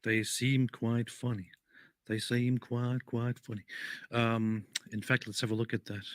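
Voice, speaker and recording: A man hosting a livestream, reacting to clips with relaxed, casual commentary and repeating his phrases. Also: mid-range voice, measured pace, no echo. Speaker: livestream host.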